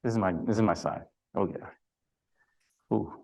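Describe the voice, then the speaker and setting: An older man teaches a Pilates class in a slightly low voice. He talks in a loose, chatty way, full of ums and restarts, and lets out effortful groans while he massages a sore spot. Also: moderate pace, creaky, darkish tone, rough recording. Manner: chatty, hesitant, many fillers and restarts. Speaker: Pilates instructor. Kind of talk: live online exercise class.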